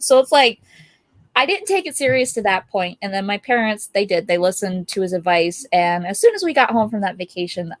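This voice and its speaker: An animated young woman recounts her path into art as an interview guest. Her telling is upbeat and bubbly, with laughter breaking in. Her voice sits mid-range and sounds dry and close. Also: mid-range voice, no echo. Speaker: guest artist. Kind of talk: casual interview storytelling.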